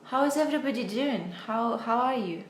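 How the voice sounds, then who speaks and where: Her voice runs on the high side with lively intonation and a normal speed. A young American woman, she's teaching English on an informal livestream at home into her phone, chatty and hesitant and prone to laughing at herself. Roomy echo and a little hiss or hum color the sound.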